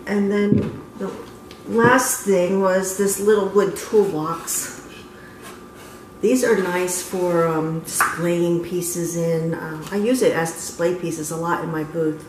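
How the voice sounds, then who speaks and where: A woman in her fifties, speaking slowly in a low, steady voice, walks viewers through her antique booth items, often saying um and correcting herself. The casual vlog moves from living room to car to antique mall, and the audio is poor with a little hiss or hum.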